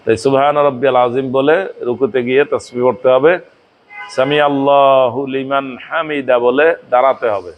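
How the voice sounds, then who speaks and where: A man from Bangladesh, an Islamic scholar with a Bangladeshi Bengali accent, teaching a religious lesson on prayer. He recites Arabic prayers slowly and asks rhetorical questions that he answers himself. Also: mid-range voice, fairly even intonation. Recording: tinny phone-like sound.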